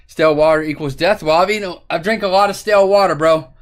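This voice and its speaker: A man's voice: fairly high pitch, fast. A male streamer and voice actor in casual gaming-stream chat, joking and swearing freely. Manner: joking, profane banter.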